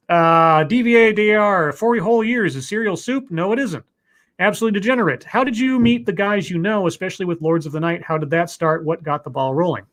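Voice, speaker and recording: A man's voice: a little high, a bit bright. Rambling man reading out livestream comments. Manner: rambling and self-deprecating, with frequent restarts and laughs. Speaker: YouTuber hosting a livestream Q&A. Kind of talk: casual livestream chat reading viewer comments.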